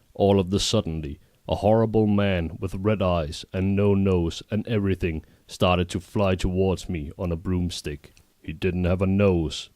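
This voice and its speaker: A man reading a fanfiction aloud exactly as written, in a deadpan voice, with brief asides. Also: low voice, no echo, studio quality. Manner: deadpan, reads errors as written. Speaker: reader.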